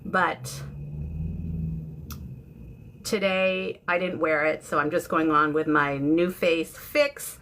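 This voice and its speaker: A woman's voice: sits low, slow pace, long pauses. A woman in her fifties with an American accent, chatting casually and informally to livestream viewers as she hosts. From from the UK, lives in San Francisco. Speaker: livestream host. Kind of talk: casual beauty livestream chit-chat. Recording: clear background noise, room ambience.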